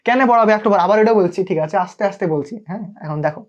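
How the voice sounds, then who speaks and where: A young man teaching English online, live, with a Bangladeshi Bengali accent, speaks very fast in a voice that sits high. Again and again he checks on his students and asks them to comment. The audio is muffled.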